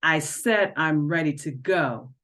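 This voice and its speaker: A woman voicing a jealous young woman at a dance, sharp and demanding as she scolds. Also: low voice, takes it slowly. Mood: furious.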